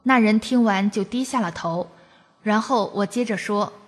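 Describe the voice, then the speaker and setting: A woman's voice: mid-range voice, normal speed, long reverb tail. A woman from China reading a first-person testimony aloud, in an earnest, preachy storytelling cadence.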